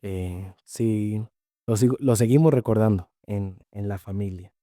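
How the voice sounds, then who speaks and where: A young Colombian man speaks as a podcast guest, telling his story of faith with heartfelt earnestness. His voice sits low and sounds dark and mellow. The sound is dry and close, with no room around it. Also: a little slow, no echo. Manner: earnest and heartfelt, often repeating phrases. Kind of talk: personal faith testimony.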